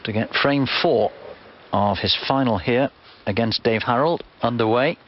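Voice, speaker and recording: A man's voice: mid-range voice, unhurried. A man giving live commentary on a snooker match from the arena. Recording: noisy, muffled TV broadcast sound.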